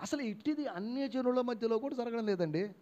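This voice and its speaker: Fifties male pastor, high voice, animated sermon with shouted peaks, dull lo-fi sound. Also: fairly quick. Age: 50s. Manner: animated preaching, rising to loud emphatic shouts, acting out imagined replies. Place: church.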